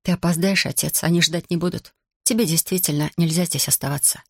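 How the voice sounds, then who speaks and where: A reader voicing a young mother who speaks calmly, evenly and firmly in a dry, gravelly voice. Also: mid-range voice, no room sound. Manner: calm, measured, firm. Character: calm, resolute young mother.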